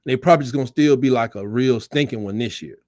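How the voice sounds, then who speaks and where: A man's voice: medium pitch, fast talker, darkish tone, no room sound, clean studio sound. A man co-hosting a casual sports debate, joking in a folksy, colloquial way. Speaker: sports show co-host.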